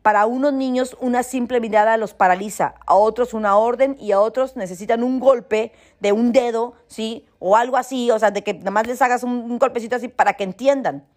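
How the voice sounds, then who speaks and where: A woman's voice: fairly high pitch, brisk, hardly any pauses, darkish tone. A middle-aged woman gives parenting advice in casual talk and reads passages from a book, earnestly addressing listeners and often checking in with "¿sí?". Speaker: mother giving parenting advice.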